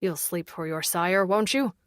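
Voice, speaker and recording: A woman doing a deep, rumbling alien warrior. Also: unhurried, no room sound, studio quality, lightly acted. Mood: tender. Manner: low rumbling, calm and commanding.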